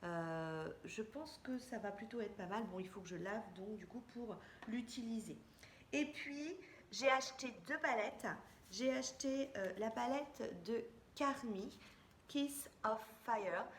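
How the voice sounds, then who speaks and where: A woman's voice: a little high, measured pace. A woman in a casual, friendly beauty vlog, chatting straight to her viewers as she shows a makeup haul. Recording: echoey room with faint background hiss.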